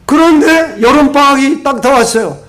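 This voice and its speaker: An older man preaching a sermon in a strikingly high voice, moving between loud, emphatic bursts and low asides. He tells stories with energy and calls on the congregation to respond together. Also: moderate pace. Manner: leads the congregation in call-and-response. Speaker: pastor.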